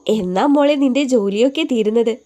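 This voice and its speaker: A woman's voice: fairly high pitch, a little fast, warm tone, lightly acted. A woman voicing a caring older woman doctor who fusses over a younger woman like a mother, in an affectionate, coaxing way. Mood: fond, coaxing.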